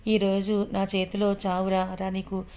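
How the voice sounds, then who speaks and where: Audio-story villain: a woman voicing a threatening young man, flat even delivery. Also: mid-range voice, unhurried, clean tone, lightly acted. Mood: menacing. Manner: taunting, threatening. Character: menacing young male villain, possessive.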